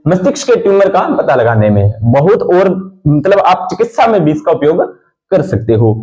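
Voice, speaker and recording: Male exam-prep teacher, a bit high-pitched, mellow, repeats and quizzes the class. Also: poor audio. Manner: repetitive, quizzes students and answers himself; rhythmic drilling of key points. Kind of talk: live online class lecture.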